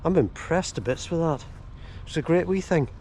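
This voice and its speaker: Older male vlogger, Ulster accent, slightly high-pitched, easygoing explainer, recorded outdoors with clear background noise. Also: expressive, moderate pace, dark tone. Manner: easygoing, explanatory, with homely dialect words. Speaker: kayaking vlogger. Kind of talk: casual chat to camera while out kayaking. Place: outdoors by a slipway and on the sea in a kayak.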